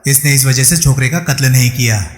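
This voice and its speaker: Brief: narrator voicing a hot-tempered crook, sharp tone, reverberant room. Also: male voice, medium pitch, fairly quick, close to an everyday voice. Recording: echoey room with long reverb.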